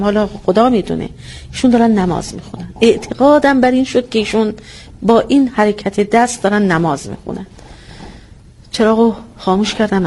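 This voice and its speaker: A woman recalling a personal memory in a soft, reflective way. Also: mid-range voice, slight background noise. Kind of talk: personal recollection.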